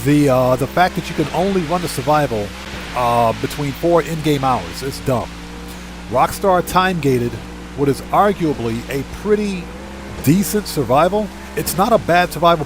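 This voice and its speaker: A man's voice: on the high side, expressive, moderate pace, over music. A man hosting a live game stream, chatting casually with viewers and repeating himself for emphasis, over game noise.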